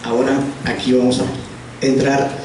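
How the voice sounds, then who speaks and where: In a classroom inside a house of prayer, a man teaches grammar, patiently asking questions and repeating the class's answers. His mid-range voice is level, unhurried, and a little mellow. The room is very echoey, he sounds distant, and there's faint hiss.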